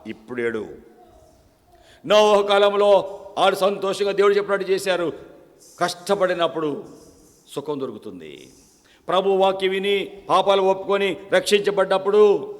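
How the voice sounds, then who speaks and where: A male pastor delivers a Sunday sermon in a voice pitched fairly high for a man. He presses the congregation with rhetorical questions and chants lists of actions in a rising rhythm. His words ring out with the long reverb of a church hall. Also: expressive, normal speed, long pauses. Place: church service.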